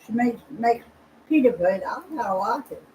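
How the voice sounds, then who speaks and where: Southern woman, relaxed drawn-out chat at a quilting day, soft background hum. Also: fairly high pitch, rough recording. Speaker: guest quilter. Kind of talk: casual chat.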